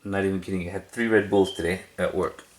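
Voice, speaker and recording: A fast-talking man with a low voice and fairly even intonation shows off his cassette collection on video. His casual show-and-tell is hesitant and rambling, and he repeats words for emphasis.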